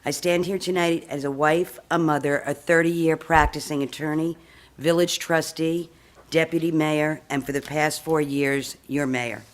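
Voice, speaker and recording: Woman mayor rattling off her record fast at a town meeting, reading from prepared remarks. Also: deep voice, fairly even intonation. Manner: rushed, reads a long list of accomplishments. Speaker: mayor seeking renomination. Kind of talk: prepared nominating speech. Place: community center meeting room.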